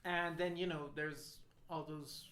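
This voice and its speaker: A co-host of a film podcast, chatting about movies in a relaxed, conversational way. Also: medium pitch, unhurried. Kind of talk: casual film chat. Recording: echoey room with faint noise.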